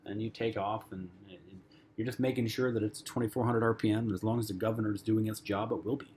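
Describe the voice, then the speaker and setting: Guy explaining flying stuff like a relaxed instructor, kinda low voice, lots of ums, bit of hum behind. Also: fast. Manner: casual, conversational, frequent ums and uhs. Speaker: flight instructor. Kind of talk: lecture-style flight lesson.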